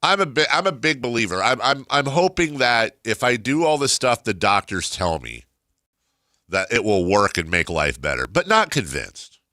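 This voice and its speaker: A middle-aged talk radio host with a stuffed-up, very nasal voice rambles casually, repeating words and poking fun at himself. His pitch is medium and sing-song at a moderate pace, the tone bright and forceful. It's studio-quality audio with no room sound.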